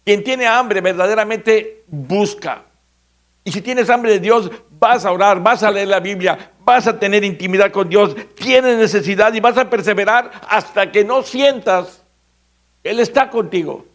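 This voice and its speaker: A Mexican pastor preaching with a high, gravelly voice. He is dramatic and theatrical, acting out the voices of biblical figures and swinging between loud cries and near whispers. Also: unhurried. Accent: Mexican Spanish. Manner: dramatic, acts out biblical voices, shifts from shouting to hushed. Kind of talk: sermon.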